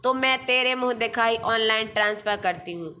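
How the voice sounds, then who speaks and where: A woman's voice: a little high, moderate pace, pushed and bright, a little hiss or hum. A woman voicing a blunt, bossy older aunt in a storybook reading, firm and outspoken. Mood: teasing.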